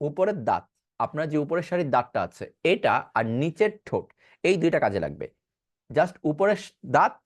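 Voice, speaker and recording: A man giving an online pronunciation class, asking questions and answering them himself, and demonstrating sounds. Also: fairly high pitch. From Bangladesh. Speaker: pronunciation teacher.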